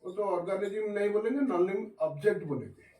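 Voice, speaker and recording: A man's voice: sits high, fast, mellow. A man teaching a biology class in Hindi. He asks the students questions, answers them himself, and mixes in English science terms. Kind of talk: classroom lecture at a whiteboard. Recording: echoey room, voice from a distance.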